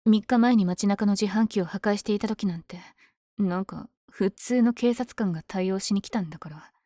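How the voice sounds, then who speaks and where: Villainess for ASMR audio drama, female actor: dark velvety tone, cocky, smitten with her rival, teasing delivery, dry intimate sound. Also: mid-range voice, no room sound, lightly acted. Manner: teasing, breathy asides. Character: powerful flirtatious villain lady, smitten with her hero rival.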